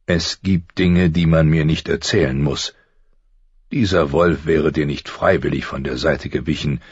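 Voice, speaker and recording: A man playing a grave noble father who speaks slowly and softly to his daughter. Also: very deep voice, steady tone, slightly rough, no echo, dull audio, exaggerated voice. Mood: gentle. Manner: slow, soft, murmuring.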